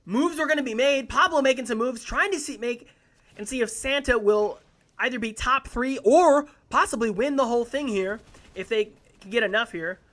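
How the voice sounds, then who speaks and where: An esports caster giving live play-by-play commentary on a mobile battle royale tournament, breaking into excited exclamations. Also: mid-range voice, moderate pace.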